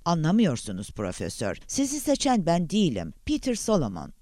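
A man reading an audiobook voices a calm, taunting male villain who speaks formally and coldly on the phone. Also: on the high side, fairly quick, dry recording, studio quality, pitched above the performer's own voice. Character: smug, menacing male kidnapper on the phone. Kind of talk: audiobook character voice.

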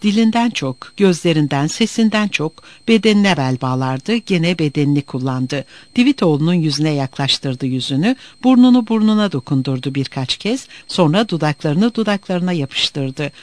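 A man reading a novel aloud as narrator, in an expressive, dramatic way. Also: fairly high pitch, no echo.

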